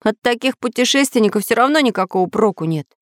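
A woman's voice: a little high, expressive, quick pace, dry recording, voice pushed up, natural voice. A woman reading as a stern inventor captain, scolding and firm, in a raised storybook voice. Close, dry reading.

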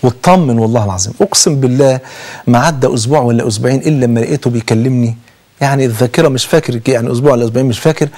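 Fast-talking Egyptian preacher man. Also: mid-range voice. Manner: animated storytelling with frequent oaths. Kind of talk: conversational sermon.

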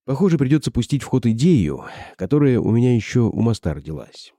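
A man narrating a first-person audiobook in a measured, storytelling delivery. His voice sits low and is very dark and mellow, but his pitch moves in lively swings. The sound is close and dry. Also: dry recording. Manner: measured, storytelling delivery that shifts into character dialogue.

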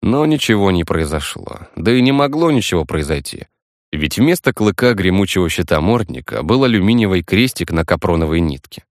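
A man narrating a first-person audiobook in a measured, matter-of-fact way. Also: sits low, lively intonation, dry recording, clean studio sound.

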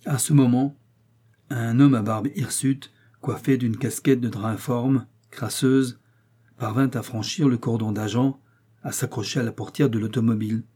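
Husky guy narrating an old novel, dark mellow voice, steady. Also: medium pitch, moderate pace. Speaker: audiobook narrator. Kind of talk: literary audiobook narration.

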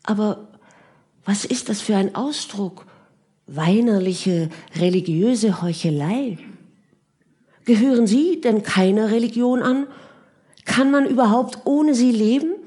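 An earnest, dreamy young woman speaks with intense feeling in an audiobook, as the woman reader gives her voice. She presses her questions hard. The delivery stays slow and deliberate. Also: fairly high pitch, lively intonation, warm tone, breathy edge, voice pushed up, full character voice. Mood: pleading. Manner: pleading, intense.

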